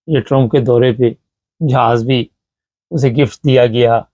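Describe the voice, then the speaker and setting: Dark-voiced male host, dry sound. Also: medium pitch, dry recording. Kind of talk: talk show commentary.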